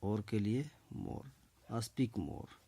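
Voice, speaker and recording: A man hosting his own channel, teaching spoken English in a slow, deliberate way, repeating each phrase and often checking in with "okay". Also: on the low side, animated, warm tone, breathy edge.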